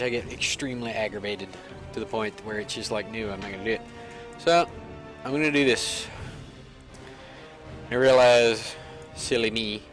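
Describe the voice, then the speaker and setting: A man's voice: mid-range voice, fairly bright tone. A man giving rambling, self-mocking, casual commentary while he plays a video game. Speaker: let's play gamer.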